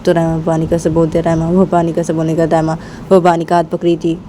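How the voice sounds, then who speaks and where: Give me a woman with a deep, mellow voice casually retelling a love story. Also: completely flat delivery, quick pace, slight background noise. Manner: rambling, repetitive retelling.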